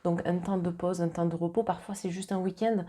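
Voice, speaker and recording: A woman's voice: lowish voice, steady tone, fairly quick, mellow. Chatty woman with a Marseille accent. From southern France. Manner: chatty, reassuring, many fillers and restarts. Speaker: tarot card reader. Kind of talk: casual tarot reading monologue.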